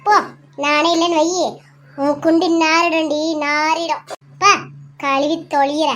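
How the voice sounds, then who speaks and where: A woman voicing a bossy, scolding elder sister in a Tamil cartoon, talking sharply and shouting. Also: high-pitched, level tone, a little slow, slight background noise. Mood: grumbling. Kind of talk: cartoon voice acting.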